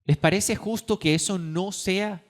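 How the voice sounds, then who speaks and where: A pastor preaches in a high, ringing male voice. He builds to loud, urgent peaks and then drops to near-hushed lines, pressing his listeners with question after question. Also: steady tone, unhurried. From Venezuela. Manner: impassioned, swings between loud and hushed, rhetorical questions. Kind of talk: sermon. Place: church.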